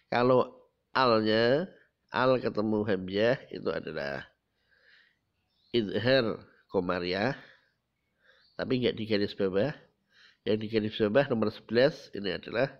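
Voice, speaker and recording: A man's voice: mid-range voice, dull audio. A man teaching Quran recitation rules, drawing out each Arabic word in a raised voice and then patiently repeating the rule in plain speech. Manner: drawls out Arabic words in a raised voice, then explains calmly. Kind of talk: tajwid lesson explanation.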